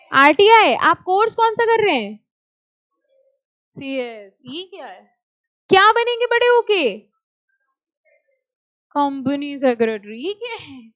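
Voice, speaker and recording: Young woman lecturer, very high voice, playful and quizzing in a classroom. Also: fairly bright tone, dull audio. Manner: questions and teases students, reads slowly. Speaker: teacher.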